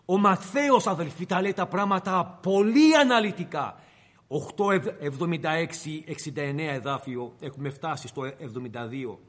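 A man's voice: on the high side, animated, a bit bright, big-room sound. A man preaching a sermon, retelling the story dramatically and addressing the congregation directly.

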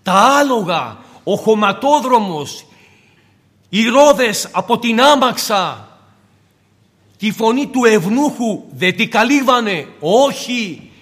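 A high-voiced man preaches a fervent sermon, acting out the scripture dialogue with swings in loudness. Long reverb makes his voice ring as if in a large hall.

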